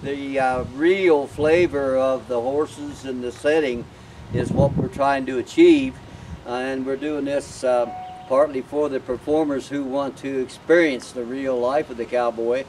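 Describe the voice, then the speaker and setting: A man's voice: medium pitch, fairly even intonation, a little slow. A man with a folksy, rambling way of telling things, speaking informally like a storyteller. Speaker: cowboy storyteller and event organizer. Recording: distant mic, outdoor wind and traffic noise.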